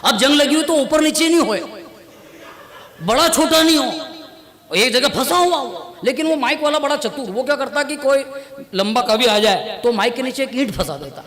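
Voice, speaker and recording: A comic poet on stage, telling chatty, self-mocking stories and acting out the dialogue. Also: male voice, very high voice, expressive, moderate pace, fairly bright tone, in a large hall. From India. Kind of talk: stand-up storytelling at a poetry gathering. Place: stage at a poetry gathering. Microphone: stage mic on a stand.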